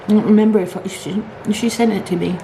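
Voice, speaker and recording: A middle-aged woman chatting and ranting casually to camera in an animated, complaining way. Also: medium pitch, a little fast. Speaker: mukbang vlogger. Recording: echoey room, clear background noise.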